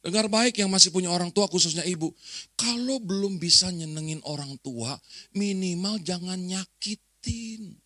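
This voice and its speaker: A middle-aged male pastor, preaching a lively sermon to his congregation and acting out the people in his stories. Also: sits high, normal speed, no room sound, studio quality. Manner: chatty, addresses the congregation directly. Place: church.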